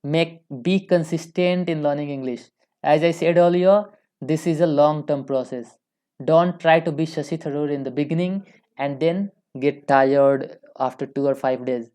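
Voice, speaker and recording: Low, mellow woman with an Indian accent. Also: steady tone, moderate pace. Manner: earnest, advising, frequent self-corrections. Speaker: English tutor. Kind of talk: instructional talk to camera.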